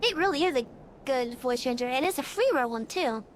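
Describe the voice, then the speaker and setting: Run through an AI voice changer, a female streamer's voice sounds high-pitched, animated and brisk as she chats and rambles with frequent fillers. There's slight background noise.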